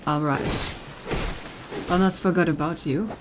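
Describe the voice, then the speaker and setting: A woman's voice: sits low, fairly even intonation, measured pace, noisy background. A woman game streamer giving casual gameplay commentary, thinking aloud as she goes. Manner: thinks aloud, reads on-screen text.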